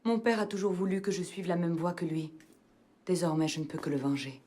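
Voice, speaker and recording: Young female templar, actress, cold and measured, lowish voice, video game dub. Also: steady tone, darkish tone, lightly acted. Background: game music.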